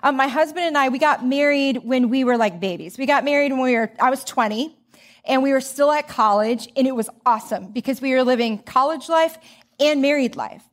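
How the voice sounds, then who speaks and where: A woman's voice: high-pitched, a little fast. Candid, chatty woman telling a story. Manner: candid, conversational, self-deprecating. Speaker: speaker. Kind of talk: personal storytelling talk to women.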